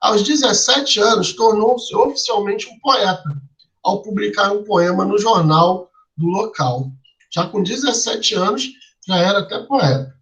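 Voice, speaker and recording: A man's voice: high-pitched, a little slow, a bit bright, rough recording. A male teacher explaining a lesson step by step to a class, asking them questions and tagging his lines with "né?" and "tá?". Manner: tags lines with "né?" and "tá?".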